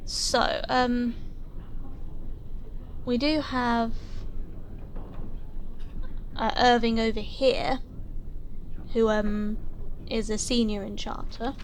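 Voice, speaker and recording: A woman's voice: a little high, fairly even intonation, extremely slow, long pauses, a little hiss or hum, rough recording. A woman hosting a casual let's play, chatty and a little hesitant as she thinks aloud and reads choices. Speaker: gaming video host.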